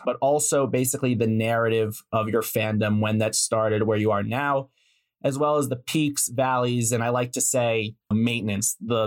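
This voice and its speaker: A man hosting a sports podcast, reading a scripted introduction and asking interview questions in an earnest, enthusiastic way. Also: mid-range voice. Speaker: podcast host.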